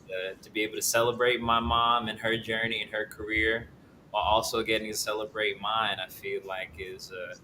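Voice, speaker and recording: A man in his thirties answers a host's questions over a remote call. His low voice has a bright, forward edge. He speaks earnestly and reflectively, restarting his phrases often, with a faint hum behind him. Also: level tone, rough recording. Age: 30s. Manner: earnest, reflective, halting with fillers. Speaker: actor guest. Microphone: remote call connection.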